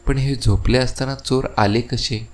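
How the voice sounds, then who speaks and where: A man's voice: medium pitch, fairly even intonation, measured pace, pitched above the performer's own voice, lightly acted. A man reading the part of a young, confident CID inspector who questions people sharply. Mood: stern questioning.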